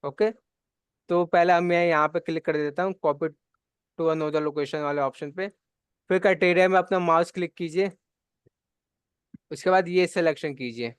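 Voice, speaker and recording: A man's voice: on the high side, fairly even intonation, moderate pace, long pauses, clear, resonant tone, no echo. A man teaching a live spreadsheet class, explaining steps patiently and checking in often. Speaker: computer class instructor. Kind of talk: live online spreadsheet lesson.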